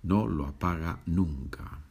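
A man teaching in a podcast lesson from home, speaking slowly and repeating each phrase, then switching to English to explain it. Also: low voice, gravelly, a little mellow, slightly rough. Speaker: language teacher.

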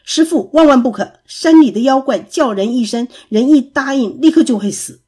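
A woman's voice: high voice, moderate pace, warm tone, breathy edge. A woman voicing a boastful, mischievous male monkey king in a storybook tale, brash and bragging. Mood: warning.

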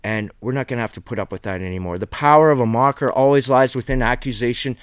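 Middle-aged man, earnest Bible teacher, emphatic preaching, smooth clear voice, dry close sound. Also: mid-range voice, quick pace, dry recording.

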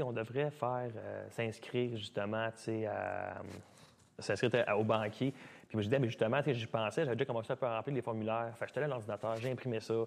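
A man in his thirties with a Québécois accent, telling stories as a guest in a casual chat, animated and full of restarts. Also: lowish voice, gravelly. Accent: Québécois French. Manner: fast, animated talker with many restarts. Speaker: guest dancer.

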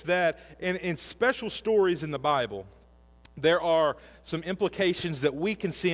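A man preaching a sermon, retelling a scripture story in a folksy, animated way with sudden jumps in pitch. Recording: long reverb in a large hall.

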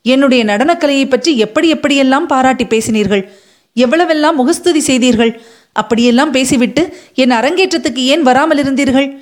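Brief: woman reader doing a high, fiery young dancer, hurt and indignant, for a storybook audio drama. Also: moderate pace, close to an everyday voice. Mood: wounded, indignant. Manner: tearful, indignant, speaking through a third party. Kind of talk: audiobook character voice.

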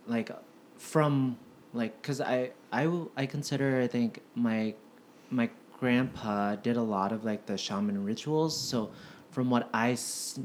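A man in his twenties from the United States speaks at medium pitch as a guest in a casual podcast conversation. He talks hesitantly, full of "um" and "like" fillers, with a little hiss or hum in the background.

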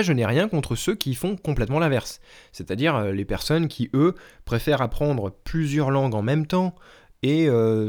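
A man's voice: medium pitch, a little mellow. A man hosting a solo podcast who talks casually to his listeners, with frequent fillers and restarts. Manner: hesitant, many fillers, addresses listeners directly. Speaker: podcast host and language teacher.

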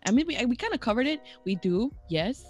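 A woman's voice: fairly high pitch, big pitch swings, fairly quick, a little mellow, faint music behind. A woman in her twenties co-hosting a podcast, talking casually, swearing often and laughing a lot. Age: 20s. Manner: profane, laughing, slangy. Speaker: podcast co-host.

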